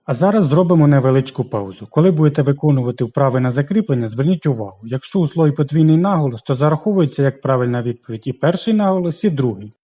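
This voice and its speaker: A man teaching a language lesson in a scripted, careful way, slowly reading out lists of example words. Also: mid-range voice, expressive, warm tone.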